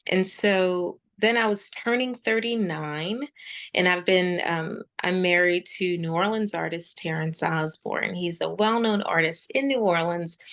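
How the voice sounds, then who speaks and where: A meditation teacher in her forties talks as an interview guest, telling her story in a conversational manner with reflective, stop-and-start pauses. Her pitch is fairly low, and her tone is fairly bright.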